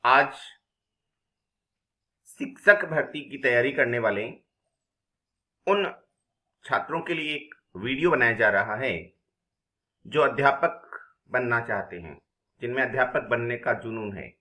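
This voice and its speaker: A man's voice: mid-range voice, expressive, slow, pauses often, sharp tone, roomy sound. A man teaching an exam-prep grammar lesson, explaining step by step and asking and answering his own questions. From India.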